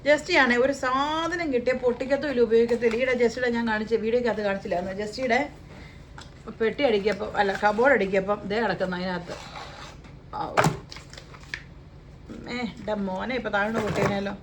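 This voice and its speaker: A woman's voice: fairly high pitch, fairly even intonation, quick pace, pauses often, background noise. A woman with a Malayali accent chatting casually through a shopping haul, playful and joking about how to pronounce brand names. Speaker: vlogger. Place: home, living in the UAE.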